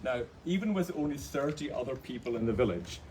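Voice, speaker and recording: A man's voice: mid-range voice, lively intonation, brisk, a little mellow, a little hiss or hum. Chuckling Hebridean Scottish man storyteller. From Outer Hebrides, Scotland. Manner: anecdotal, chuckling, self-mocking. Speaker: author guest at a book event. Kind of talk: storytelling on stage. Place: bookshop event with audience. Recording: distant mic, live audience.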